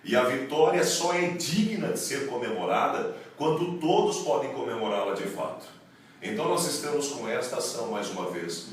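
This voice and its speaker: A man's voice: mid-range voice, expressive, moderate pace, a little hiss or hum. A man addressing viewers in an emphatic, preacher-like promotional video, recorded in an office. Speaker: network marketing promoter. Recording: echoey room, mic far off.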